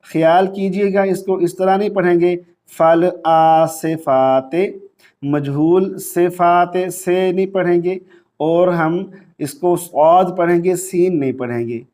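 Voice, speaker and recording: A man teaching a tajweed lesson on the Quran speaks quickly in Pakistani-accented Urdu as he explains the rules, then slows down to recite the Arabic verses in long, drawn-out tones. His voice is high, steady and dark.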